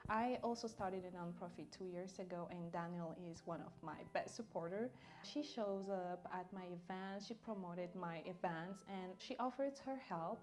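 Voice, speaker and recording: A woman's voice: lowish voice, normal speed, darkish tone. Woman from Central African Republic, earnest. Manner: earnest, slightly non-native phrasing. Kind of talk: video testimonial.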